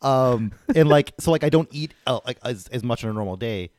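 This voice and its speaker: A man's voice: mid-range voice, expressive, fairly quick, darkish tone, no echo, studio quality. A man co-hosting a podcast, chatting casually in a hesitant, stammering way. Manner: hesitant, stammering, lots of fillers. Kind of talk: casual chat.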